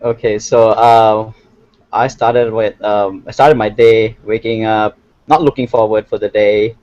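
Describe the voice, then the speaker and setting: Brief: young man from Thailand, lowish voice, hesitant and soft-spoken, dry and slightly dull recording. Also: level tone, unhurried, no echo. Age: young adult. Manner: hesitant, many fillers and restarts, soft-spoken. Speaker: interview guest, hotel owner. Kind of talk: casual interview answers.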